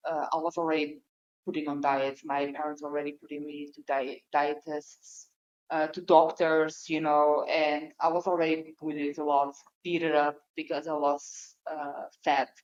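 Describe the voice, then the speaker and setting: A woman's voice: low-pitched, flat delivery, normal speed, a little mellow. A young woman from the Netherlands, a podcast guest, telling her own story openly with a lot of hesitation and fillers. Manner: open, hesitant, many fillers. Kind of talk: candid personal conversation. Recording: dull lo-fi audio.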